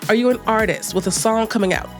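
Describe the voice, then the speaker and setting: A woman's voice: a little high, quick pace, soft background music. A woman hosting a weekly news podcast with a stuffed-up, congested voice, talking straight to her listeners and often calling them family. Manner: warm direct address, says "family" and "okay". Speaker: podcast host.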